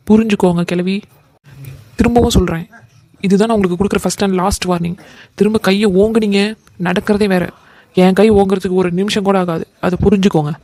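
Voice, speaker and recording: A voice actor playing a young new wife in a cartoon comedy, wailing complaints and loud threats. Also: mid-range voice, no room sound, lightly acted.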